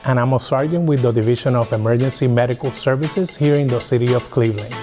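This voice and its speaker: A man's voice: mid-range voice, fast talker, loud music behind the voice. A man from Puerto Rico, a native Spanish speaker with a Puerto Rican accent, giving a personal testimonial as an emergency services sergeant.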